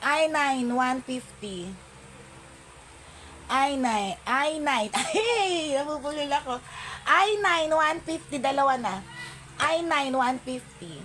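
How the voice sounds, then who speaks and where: Woman doing a live selling stream, high voice, slow unhurried talk, greets viewers n reads off prices. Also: lively intonation, fairly bright tone, slight background noise. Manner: chatty, greets viewers by name, calls out item codes and prices; mixes English into her talk. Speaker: online live seller.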